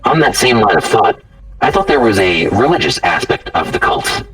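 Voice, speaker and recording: A man's voice: fairly low pitch, sing-song, fairly bright tone, slightly rough, recorded from a distance, faint music behind, full character voice. A man voicing a stiff, formal male robot investigator in a tabletop game. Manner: formal, measured speech.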